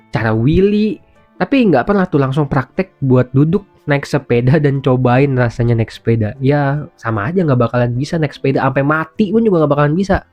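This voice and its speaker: A young man talks through a casual lesson in a relaxed, chatty way, as if speaking to a friend. His voice sits in an ordinary middle range and comes across a little dull, with faint music underneath. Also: mid-range voice. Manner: chatty, informal, lots of fillers. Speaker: language teacher. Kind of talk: casual spoken lesson to camera.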